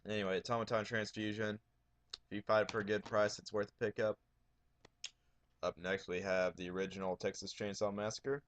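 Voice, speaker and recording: Loud, profane male vlogger, casual delivery, slightly low pitch. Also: flat delivery, fairly quick. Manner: raising his voice, loud and profane. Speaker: horror DVD collector showing his shelf. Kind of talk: casual video blog.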